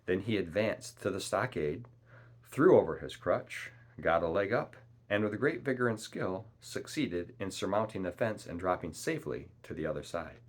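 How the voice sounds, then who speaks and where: A man reading a classic adventure novel aloud in a measured, calm storytelling manner. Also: low voice. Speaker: audiobook reader.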